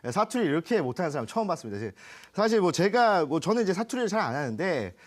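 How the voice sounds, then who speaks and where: A stock market expert from Chungcheong, Korea, gives advice during a TV stock consultation. His high voice swings widely in pitch and moves fast, and he's chatty, using homely analogies and frequently correcting himself.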